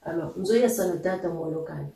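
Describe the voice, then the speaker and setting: A language teacher giving a patient, explanatory lesson, often pausing on fillers while spelling out words and examples. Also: medium pitch, gravelly, warm tone, distant mic. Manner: patient, hesitant with frequent fillers. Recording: echoey room, voice a little off-mic.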